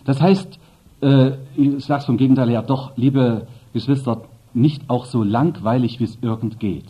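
A man's voice: medium pitch, fairly even intonation, unhurried, breathy edge. A man preaching a sermon, speaking emphatically and addressing the congregation with asides. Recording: dull lo-fi sermon recording.

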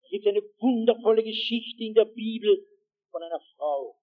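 A man's voice: high-pitched, normal speed. A man preaching a sermon as dramatic storytelling, repeating phrases for effect, on a dull lo-fi recording.

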